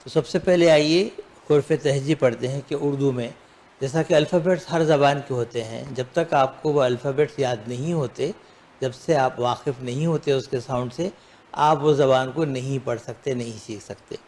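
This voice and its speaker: A man hosting a lesson, patiently drilling the letters of the alphabet by saying them slowly and having them repeated back. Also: mid-range voice, darkish tone. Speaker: Urdu teacher and show host.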